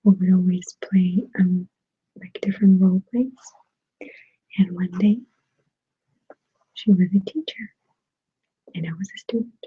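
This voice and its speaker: A woman chatting to viewers in a soft, unhurried whispered ASMR style. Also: lowish voice, steady tone, slightly rough, no room sound. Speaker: ASMR creator. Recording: dry tinny phone-like sound.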